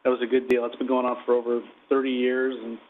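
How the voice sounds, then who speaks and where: A man's voice: medium pitch, completely flat delivery, fast talker. A man speaking as a council member, hesitant with many fillers. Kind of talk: council meeting remarks. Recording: tinny phone-like broadcast audio.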